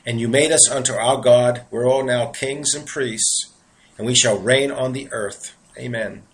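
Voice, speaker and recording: A man's voice: mid-range voice, fairly even intonation, a little slow, rough recording. A man with a New York accent preaching a sermon, reading scripture aloud and breaking off into earnest, conversational asides. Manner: earnest, conversational asides between read verses.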